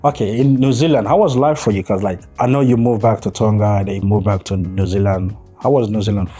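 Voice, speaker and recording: A man hosting a podcast, chatting with his guest in an eager, friendly and relaxed way with casual slang. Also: lowish voice, a little fast, breathy edge, faint music behind. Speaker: podcast host. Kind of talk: casual interview chat.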